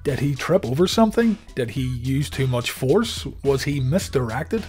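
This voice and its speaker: A man giving scripted documentary narration in a steady storytelling delivery. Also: medium pitch, normal speed, soft background music.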